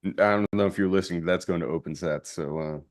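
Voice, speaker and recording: A man's voice: low-pitched, fast talker. A man hosting a casual stream, bantering loosely with guests. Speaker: host. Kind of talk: casual chat.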